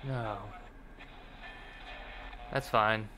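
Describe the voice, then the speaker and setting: A man's voice: on the low side, steady tone, extremely slow, bright, forceful tone, soft background music, poor audio. A man doing casual horror game commentary, muttering asides to himself and to the game and swearing now and then.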